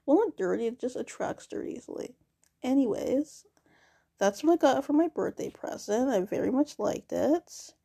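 Gravelly young woman rambling casually. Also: medium pitch, mellow. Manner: rambling, full of "like" fillers and swearing. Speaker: vlogger. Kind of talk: casual rambling diary monologue.

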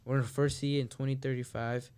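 Young man, mid-pitched voice, earnest, slangy, informal group conversation. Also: flat delivery, fast, darkish tone, smooth. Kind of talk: casual group chat.

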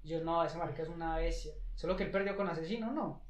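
High-voiced young man, echoey room. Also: fast talker, a crowd in the background. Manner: slangy, animated, acts out quotes. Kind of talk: casual chat about freestyle rap battles.

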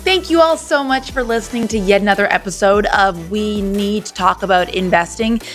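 A woman's voice: mid-range voice, moderate pace, soft background music. A woman hosting a podcast in a conversational, informal style. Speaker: podcast host.

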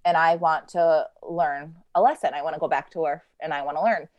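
A woman voicing an eager little boy soul in heaven, in an excited, pleading way as she retells a children's story. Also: deep voice, brisk, muffled recording, natural voice.

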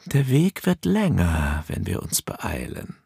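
A man voicing a languid, nearly invisible female spirit in a storybook, speaking slowly and airily. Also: fairly high pitch, very animated, gravelly, darkish tone, husky, no room sound, clean studio sound, voice pushed up, heavily acted. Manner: slow, drawling, airy.

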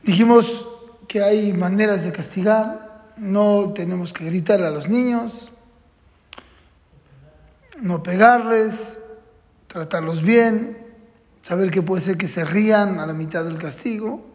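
A man's voice: sits high, slow pace, pauses often, darkish tone. A man teaching a parenting class, earnest and patterned, asking questions and answering them himself. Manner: earnest, repeats rules in patterns, asks and answers own questions. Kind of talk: classroom lecture. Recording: echoey hall with long reverb.

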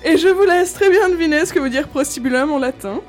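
A woman's voice: high-pitched, quick pace, soft background music. A woman host in casual chat, listing old slang words with amusement and frequent laughs.

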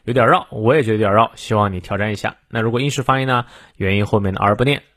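A man teaching English in a morning reading lesson, explaining phrases and coaching pronunciation step by step with soft filler particles. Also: fairly low pitch, racing, dry recording, clean studio sound.

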